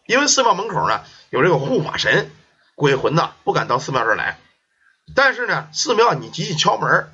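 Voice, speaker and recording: A man voicing a stern but kindly old male Taoist priest, talking in slow grave warnings. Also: on the high side, pushed and bright, breathy edge, full character voice. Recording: dull lo-fi recording.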